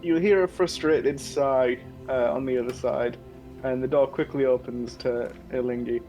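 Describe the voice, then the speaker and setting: A man's voice: mid-range voice, fairly even intonation, moderate pace, mellow, faint music behind, rough recording. A man narrating a tabletop role-playing game as game master, calling for rolls and setting scenes.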